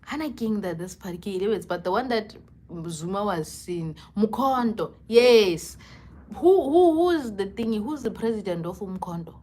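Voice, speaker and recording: A woman's voice: mid-range voice, moderate pace. A young woman with a South African accent chatting casually and expressively on a livestream, slipping between English and local languages. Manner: expressive, conversational. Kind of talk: casual live chat.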